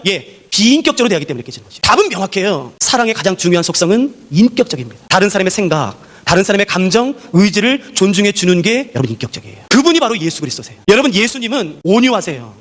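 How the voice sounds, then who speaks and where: A male pastor preaching a sermon, animated and constantly asking the congregation questions. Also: high voice.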